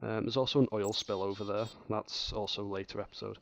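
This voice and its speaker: A lower-pitched man talks through a game tutorial in a loose, rambling way, stumbling over restarts and fillers. His voice is dry and a little dull, like a lo-fi home mic, with faint music underneath. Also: level tone, quick pace, gravelly, dry recording. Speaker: gaming channel host. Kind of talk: casual gameplay tutorial commentary.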